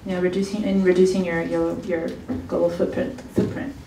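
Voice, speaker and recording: A woman's voice: on the low side, flat delivery, a little fast, warm tone, slight background noise. A woman moderating a summit and introducing speakers, rambling with many restarts. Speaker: event moderator. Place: college event hall. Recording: roomy hall, mic far off.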